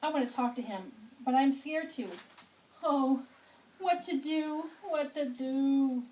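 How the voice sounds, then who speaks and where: A woman's voice: sits high, slow, warm tone. A woman voicing a gullible, nervous sock puppet king in a goofy, over-dramatic way for an amateur show. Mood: awed, anxious. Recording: distant mic with faint noise.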